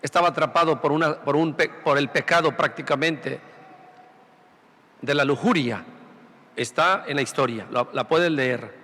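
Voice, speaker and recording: A man's voice: a little high, moderate pace, pauses often, sharp tone, big-room sound. A man who is a priest, preaching a Sunday sermon through rhetorical questions and repeated phrases. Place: large church sanctuary.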